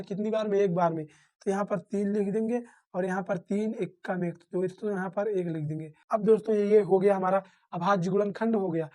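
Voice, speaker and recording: Tutorial teacher, mid pitch, walks through each step slowly, keeps checking in with "friends.". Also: dark tone. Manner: calls listeners "friends" often, asks and answers own questions; repeats and rephrases steps. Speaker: math teacher. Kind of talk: step-by-step math lesson.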